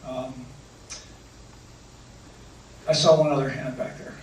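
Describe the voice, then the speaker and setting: Far from the mic in an echoey room with faint noise, a man who leads canoe and kayak trips answers audience questions during a talk. His medium-pitched voice stays steady and slow, and he earnestly, hesitantly restates each question before responding.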